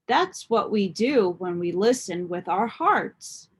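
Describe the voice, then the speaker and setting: A woman's voice: medium pitch, very animated, slow, slightly rough, exaggerated voice. A woman voicing an eager, kindhearted young schoolgirl with an earnest, pleading manner in a children's storybook read-aloud.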